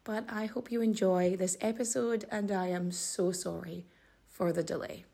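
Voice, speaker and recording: A woman's voice: mid-range voice, fairly even intonation, normal speed, creaky, warm tone, a little hiss or hum. A woman hosting a podcast in a casual, chatty way, her voice wheezy from pneumonia. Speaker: podcast host.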